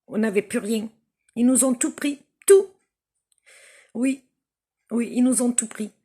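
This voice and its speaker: Slow, husky Algerian-born woman. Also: a little high, mellow. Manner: slow, emphatic, repeats phrases for stress. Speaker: vlogger addressing viewers. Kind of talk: impassioned spoken appeal to camera.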